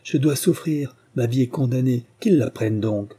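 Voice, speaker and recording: A resolute young soldier son from a classic novel, read by a man, facing his fate with firm, steady words. The voice is very dark and husky, with a rough edge. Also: medium pitch, moderate pace, close to an everyday voice.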